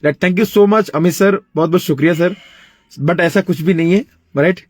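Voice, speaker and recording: A man in his late twenties with a slightly high voice gives an upbeat pitch for a money-making scheme, speaking straight to his viewers. He mixes in English phrases, keeps dropping "you know" and clears his throat often. The recording is close and completely dry. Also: moderate pace, no room sound. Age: 20s. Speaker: network marketing promoter. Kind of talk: persuasive motivational sales pitch to viewers.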